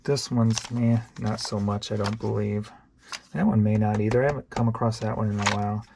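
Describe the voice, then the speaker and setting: An online reseller with a lowish, gravelly voice talks at a brisk clip in a steady tone. In this casual show-and-tell vlog, he rambles offhandedly and thinks aloud while sorting tapes for resale. Background noise is audible.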